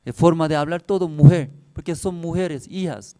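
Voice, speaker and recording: A man's voice: fairly high pitch, moderate pace, mellow. A man preaching a sermon, telling personal stories in simple, broken Spanish with frequent laughter. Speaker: pastor.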